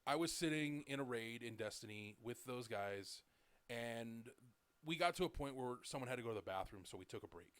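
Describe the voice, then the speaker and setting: Fairly quick and fairly bright in tone, a mid-range male voice with lively intonation belongs to a late-thirties podcast host. He chats casually, rambling through stories with plenty of "like" and "dude," in a dry recording.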